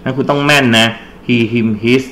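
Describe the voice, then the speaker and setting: A man's voice: medium pitch, steady tone, unhurried, a bit bright, slight background noise. Male tutor quizzing a class. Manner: explains step by step, quizzing students with prompts. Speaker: English tutor. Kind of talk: exam-prep grammar lesson.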